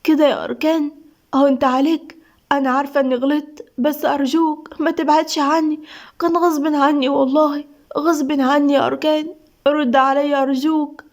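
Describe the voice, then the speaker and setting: A woman's voice: high voice, level tone, brisk, voice pushed up. A woman with an Egyptian accent voicing a tearful, bitter young woman. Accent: Egyptian Arabic. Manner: tearful, then fierce.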